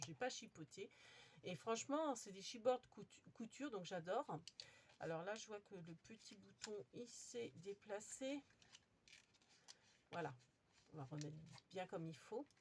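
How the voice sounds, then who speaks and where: A woman's voice: mid-range voice, a little hiss or hum. A woman chatting casually as she shows off her craft haul, talking with lots of fillers and restarts. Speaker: crafting vlogger. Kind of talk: casual show-and-tell haul.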